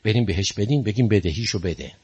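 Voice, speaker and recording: A husky-voiced man voicing a male courtier who speaks low and conspiring. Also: expressive, a little mellow, lo-fi sound.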